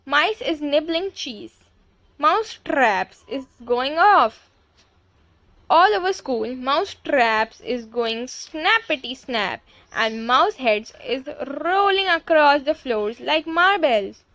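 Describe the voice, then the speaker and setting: A woman's voice: high voice, lively intonation, slow, a bit bright, dry recording, full character voice. A woman voicing a disgusting old witch from a storybook, theatrical and gleefully menacing as she gloats and rants. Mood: gleeful commanding. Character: gloating, disgusting old Grand High Witch ranting to her audience. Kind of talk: storybook character voice in an audiobook reading.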